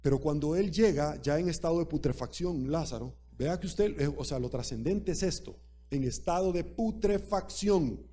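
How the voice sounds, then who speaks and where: Man, preacher, sermon, emphatic and repetitive, fairly high pitch, mellow tone. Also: normal speed, few pauses, slightly rough. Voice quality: emphatic and repetitive, addressing the congregation directly.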